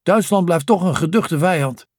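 A man voicing a stern old male wartime leader with a dark, lisping, growling voice in an audiobook. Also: sits high, normal speed, no room sound, clean studio sound.

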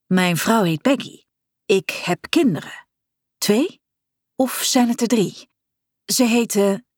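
A woman's voice: mid-range voice, takes it slowly, no echo, studio quality. A confused 92-year-old man, as a woman reader puts him on. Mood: unsure. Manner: bewildered, calling out irritably.

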